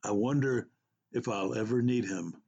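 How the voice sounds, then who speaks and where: A man's voice: on the low side, normal speed, gravelly, mellow, slightly rough, dull audio. A man voicing a frightened woman recalling her fall, told in an uncertain first-person way. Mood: dazed. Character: frightened injured woman, dazed after a fall.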